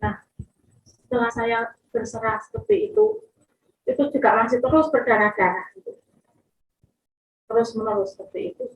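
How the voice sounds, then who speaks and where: A woman's voice: on the high side, big pitch swings, normal speed, long pauses, reverberant, dull audio. A middle-aged woman telling a personal testimony with emotion, often addressing listeners directly. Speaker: testimony speaker.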